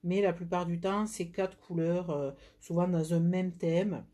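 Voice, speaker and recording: A woman's voice: fairly low pitch, steady tone, unhurried, dark tone. A woman with a southern French accent, chatting through a live nail polish demo with many fillers and restarts. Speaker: nail product seller.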